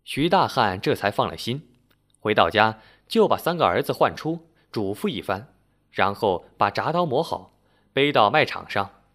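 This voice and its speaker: A man telling a village folk story in a lively, expressive narrating style. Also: fairly low pitch, normal speed.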